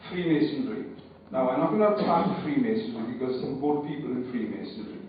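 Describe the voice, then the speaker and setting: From the audience at a meeting, a Welsh man gives an unscripted public speech, halting, careful and hesitant, and he repeats words. His medium-pitched, expressive voice is heard far from the mic in an echoey hall, with dull sound and slight background noise.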